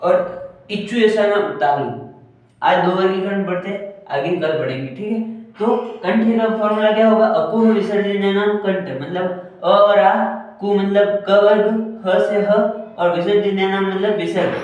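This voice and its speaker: Heard from a distance in a very echoey room, a man gives a slow, repetitive Hindi grammar lesson, going over every point repeatedly and answering questions he poses himself. His voice sits high and is a little mellow, his pace measured, and the recording's highs are cut off.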